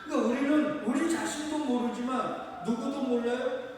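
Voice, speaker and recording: High-voiced man preaching in an echoey hall. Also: moderate pace, recorded from a distance, a crowd in the background. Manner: asks the congregation questions, reads scripture aloud. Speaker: pastor. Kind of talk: sermon. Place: church sanctuary.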